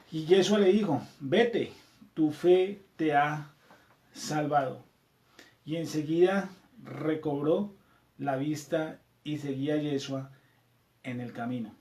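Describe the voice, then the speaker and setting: A Colombian man leads a scripture class, reading passages aloud and going over them again. His voice sits a little high for a man. The room around him is noticeably echoey. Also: darkish tone. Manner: reads verses aloud, repeats them, checks in with "¿cierto?". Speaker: Bible study teacher.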